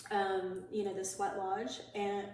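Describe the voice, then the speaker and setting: A woman guest in a podcast interview, telling a personal story in a candid, chatty way, dropping softer and lower in the painful parts. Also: flat delivery, takes it slowly, slight background noise. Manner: candid and chatty, with frequent "like" and "you know" fillers. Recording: very echoey room, voice far from the mic.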